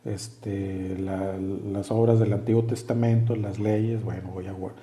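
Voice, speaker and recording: A man's voice: on the low side, flat delivery, a little slow, dark tone, echoey room. A man giving a conversational Bible study sermon, explaining plainly, reading verses aloud and often checking in with his listeners. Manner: hesitant with frequent fillers and restarts. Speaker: Bible teacher.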